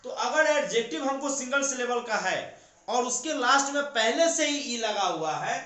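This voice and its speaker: A man's voice: very high voice, expressive, normal speed, bright, forceful tone. A man teaching a grammar lesson to a class, explaining step by step and answering his own questions. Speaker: English teacher. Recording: very echoey room.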